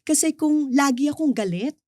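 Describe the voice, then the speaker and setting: A woman's voice: high voice, animated, normal speed, warm tone, no echo, studio quality. A middle-aged Filipino woman with a Filipino accent, earnestly sharing a faith testimony as an interview guest and mixing English into her Tagalog. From Philippines.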